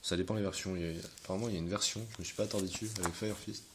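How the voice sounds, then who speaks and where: Low-voiced rambling man with a card binder. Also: steady tone, racing, background noise. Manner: hesitant and rambling, many fillers. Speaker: card collector showing his binder. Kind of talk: casual talk to viewers.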